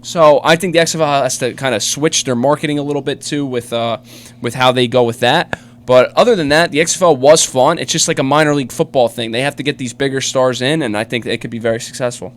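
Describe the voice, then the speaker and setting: Male sports podcast co-host, opinionated, casual delivery, mid pitch. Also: fast. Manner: opinionated, filler-heavy.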